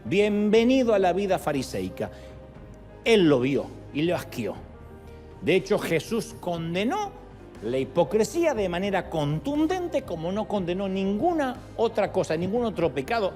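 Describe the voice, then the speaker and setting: A middle-aged man preaching a sermon in an animated, humorous way, with sudden jumps in pitch. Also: moderate pace. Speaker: pastor. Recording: reverberant hall with faint music.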